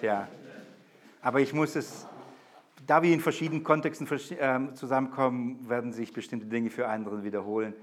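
A man's voice: medium pitch, a bit bright. A man preaching a sermon to a congregation, stressing key lines with urgent emphasis.

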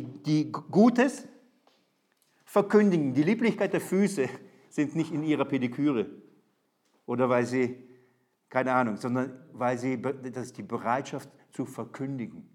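A man preaching a sermon, emphatic, with loud and quiet swings and repetitive rhetorical buildup. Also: mid-range voice, moderate pace.

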